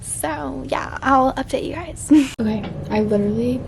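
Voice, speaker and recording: A young woman in her twenties chatting casually and quietly while getting ready in her bathroom, filmed on a camera. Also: high voice, moderate pace, gravelly, noisy background. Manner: chatty, giggly, talking quietly. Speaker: vlogger. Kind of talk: casual get-ready-with-me vlog. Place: home bathroom at the mirror. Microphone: camera on a tripod. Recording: background music over the voice. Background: pop music playing.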